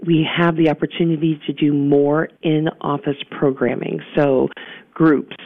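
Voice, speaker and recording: This is a gravelly voice heard over a tinny, dry phone line. The guest explains their organization's work earnestly, pausing often on "um" and restarting phrases. They sound like a community service worker being interviewed on the radio. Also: medium pitch, no room sound. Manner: earnest, with frequent "um" pauses and restarts. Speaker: guest from a local survivor services center.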